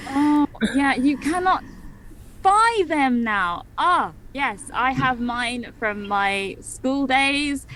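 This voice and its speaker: A woman guest in a casual interview who tells stories in a lively, animated way. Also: high voice, very slow, slight background noise. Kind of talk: casual chat.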